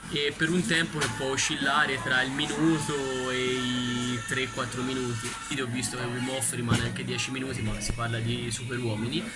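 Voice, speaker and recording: A man co-presenting a vlog, giving an informal but methodical, detailed explanation. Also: mid-range voice.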